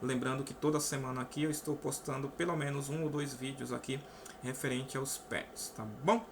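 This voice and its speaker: Teaching math to students in an informal online session, this Brazilian man explains things step by step and keeps asking "né?". He speaks with a Brazilian Portuguese accent, medium pitch, fairly even intonation, and a moderate pace, over background noise.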